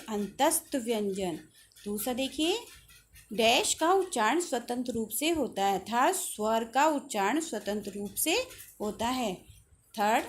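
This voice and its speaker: Woman, teacher, high voice, unhurried, grammar lesson, patient, faint noise. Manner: slow, patient explaining, asks questions and answers them. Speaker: school teacher.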